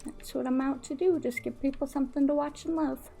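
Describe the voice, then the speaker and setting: Mellow woman streamer, slight missing-teeth lisp. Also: high-pitched, steady tone, fairly quick, vocal fry, faint music behind. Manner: grateful, gushing thanks to viewers. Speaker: live streamer. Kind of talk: casual livestream gameplay chat.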